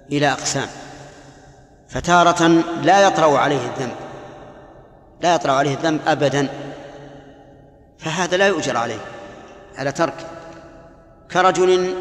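A man, an Islamic scholar, answering questions in a religious lesson, explaining in a measured way and chanting quoted verses. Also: mid-range voice. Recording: echoey hall with long reverb.

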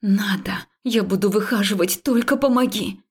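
A woman's voice: fairly high pitch, fairly even intonation, moderate pace, darkish tone, pitched above the performer's own voice. A woman voicing a distraught young female student, speaking in a pleading, urgent and emotional way in an audiobook. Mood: pleading, desperate. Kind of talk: audiobook character voice.

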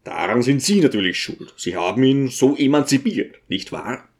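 A man's voice: mid-range voice, expressive, moderate pace, darkish tone, husky. A man voicing a brash, overbearing male suitor in an audiobook, talking insistently and crudely. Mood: pushy. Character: pushy, brash middle-aged male suitor.

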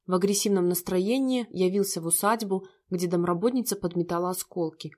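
A woman narrating a story, reading every part in a steady narrating voice. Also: fairly low pitch, brisk.

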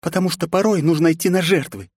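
Guy doing a cold fanatical princess fighter, way higher than his own voice, dry close sound. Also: fast, darkish tone, slightly rough, no echo. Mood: fervent. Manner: cold, spiteful. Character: fierce young princess warrior, cold and fanatical. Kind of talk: audiobook character voice.

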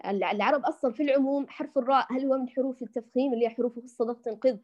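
Female tajweed teacher, fairly high voice, patient demos of each sound; dull lo-fi recording. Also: racing, a little mellow. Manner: patient, demonstrates letter sounds repeatedly; addresses listeners tenderly as dear ones. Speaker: Quran recitation teacher. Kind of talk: tajweed lesson for women.

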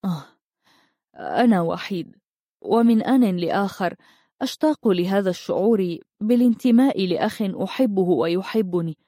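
A woman voicing a gentle, lonely young Nubian man in a storybook, speaking softly and from the heart. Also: mid-range voice, no room sound, clean studio sound, natural voice.

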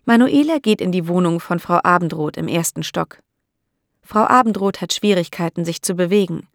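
A woman narrating a learners' audiobook in a clear, measured way. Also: fairly low pitch, dry recording, clean studio sound.

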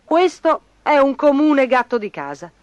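Woman playing a calm farmer dad. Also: high voice, measured pace, no room sound, lo-fi sound, voice pushed up. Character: calm sensible middle-aged farmer father. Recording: noisy background.

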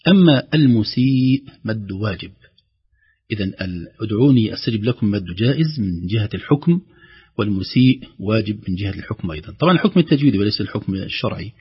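A man teaching Quran recitation on a call-in program, patiently explaining the rules and reciting example words slowly. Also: on the low side, expressive, breathy edge, highs cut off.

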